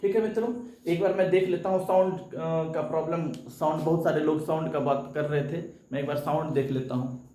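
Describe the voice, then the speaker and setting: A man's voice: a little high, fairly even intonation, brisk, mellow, echoey room, rough recording. A man teaching a live coaching lesson. He asks questions and answers them himself, and sometimes chants verses.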